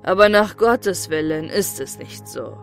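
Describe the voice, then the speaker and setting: Woman voicing a gentle, pious old shoemaker. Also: on the low side, a little slow, faint music behind, pitched below the performer's own voice. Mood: earnest. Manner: gentle, pleading, earnest.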